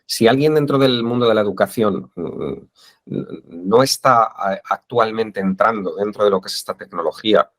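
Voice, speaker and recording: A man's voice: lowish voice, moderate pace, a bit bright. A man with a Spain Spanish accent, interviewed as an expert guest, who speaks hesitantly with many fillers. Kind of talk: interview conversation.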